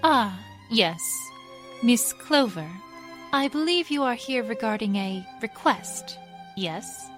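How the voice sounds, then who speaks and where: A woman voicing a regal, composed pony princess with a soft, measured, formal manner, in a fan-made audio drama. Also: on the high side, animated, faint music behind. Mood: gracious, formal.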